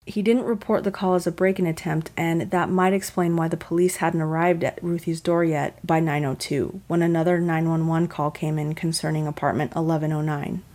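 A woman narrating a true crime podcast episode in a relaxed, conversational way. Her voice sits a little low, and she keeps a slightly wry, casual tone as she walks through the story. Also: fairly quick, hardly any pauses. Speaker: podcast host.

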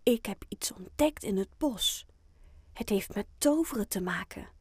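A woman voicing an excitable, stubborn young penguin boy in a children's audiobook, with an eager, proud way of talking. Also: medium pitch, measured pace, husky, no room sound. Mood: whispering.

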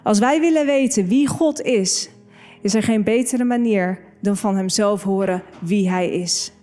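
Slow, deliberate woman preaching a sermon. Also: mid-range voice, warm tone, soft background music. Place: church stage.

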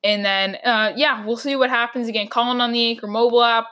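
A woman hosts her own sports talk podcast and rants her opinions in frustration. Her voice sits a little high and is going hoarse from talking too long. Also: steady tone, fast, fairly bright tone.

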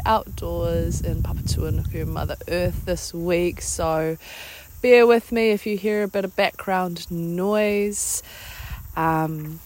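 Slow-paced woman, outdoors. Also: lowish voice. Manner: informal, encouraging, hesitant with pauses. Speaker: podcast host, life coach. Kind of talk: casual motivational solo podcast talk. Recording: outdoors with clear background insect noise.

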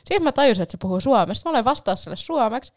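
A woman's voice: fairly high pitch, expressive. A young woman telling a long story in a casual chat, rambling with lots of fillers and the odd swear.

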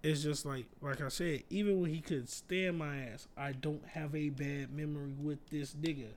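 A man's voice: on the high side, steady tone, normal speed. Laid-back man telling stories, slangy. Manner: laid-back storyteller, laughs through his punchlines; heavy slang and profanity. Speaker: podcast co-host. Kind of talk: casual chat, storytelling.

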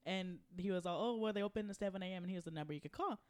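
A woman's voice: fairly low pitch, racing, a little mellow. A young woman chatting casually and telling a story, swearing often, laughing a lot and acting out the people she quotes. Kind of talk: casual chat.

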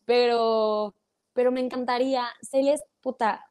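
A woman's voice: a little high, steady tone, unhurried, darkish tone, clean tone, no echo. A young Mexican woman, a social media creator, chatting as an interview guest in a bubbly, gushing way and laughing often. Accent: Mexican Spanish. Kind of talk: casual interview chat.

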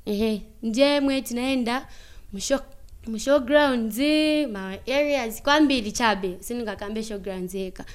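A young Zambian woman speaks slowly and carefully, her voice clear and smooth, a little higher than most. She pauses often with fillers and slips local words into her English. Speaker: interviewee, football player. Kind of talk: casual interview answers.

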